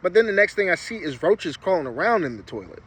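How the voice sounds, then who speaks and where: A man's voice: high voice, sing-song, fast talker, fairly bright tone. A man vlogging in a laid-back, rambling storytelling style, his words slightly muffled by a lip packed with chewing tobacco. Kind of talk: casual storytelling chat to camera. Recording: clear background noise, vehicle ambience.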